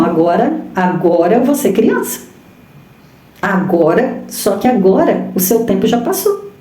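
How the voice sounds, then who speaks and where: A woman's voice: fairly high pitch, mellow. A woman with a Brazilian Portuguese accent gives a sermon to women, emphatic and full of rhetorical questions to her listeners. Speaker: women's ministry speaker. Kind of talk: sermon on marriage and parenting. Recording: echoey room.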